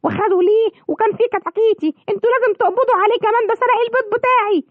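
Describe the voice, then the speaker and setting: A woman's voice: extremely high pitch, rapid-fire, dry recording, pitched above the performer's own voice. A woman with an Egyptian accent voicing an indignant mother hen, wailing and complaining. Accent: Egyptian Arabic. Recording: dull lo-fi, clear background noise.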